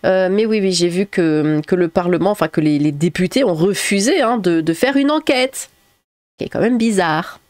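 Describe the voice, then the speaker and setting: A woman YouTuber reading out viewer comments in casual chat, chatty and quick to giggle between remarks. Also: fairly low pitch, darkish tone, dry recording. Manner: chatty, frequent fillers, giggles often.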